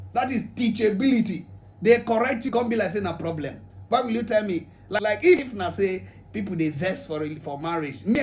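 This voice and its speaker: A man's voice: high voice, darkish tone. A man with a Nigerian accent giving a humorous relationship talk to an audience, slipping into pidgin and acting out little scenes. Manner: humorous, mixes pidgin, acts out quotes. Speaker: relationship speaker.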